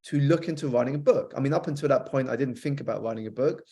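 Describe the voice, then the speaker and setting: Appearing as a guest author on a podcast, a man from the United Kingdom tells a reflective story fluently and quickly, at medium pitch, with a few repeated starts. His British accent has been softened by years with an American spouse.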